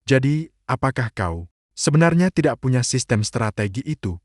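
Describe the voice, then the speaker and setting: A man's voice: mid-range voice, very animated, normal speed, a little mellow, dry recording, close to an everyday voice. A man voicing a hurt, possessive young woman who questions her partner bitterly, with a dry sound. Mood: hurt accusing.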